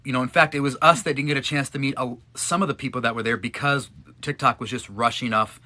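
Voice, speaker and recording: A man's voice: mid-range voice, steady tone, fast talker, bright, forceful tone. A man streamer chatting casually with his wife about an awards trip, emotional and choking up as he talks. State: tearful, choked up. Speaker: live streamer, one of a couple. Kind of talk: casual chat answering follower questions.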